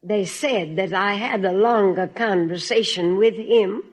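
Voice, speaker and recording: An American woman from Massachusetts answers a quiz host's questions as a contestant, speaking politely and formally in a mid-range, unhurried voice. Her replies are unscripted.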